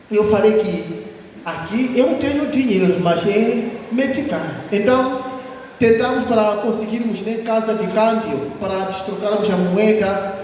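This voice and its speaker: A man from Mozambique with a Mozambican Portuguese accent, a missionary preacher telling his testimony with animated laughter and exclamations. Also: high-pitched, a little hiss or hum. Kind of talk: sermon testimony. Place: large echoey church hall. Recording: echoey hall, distant mic.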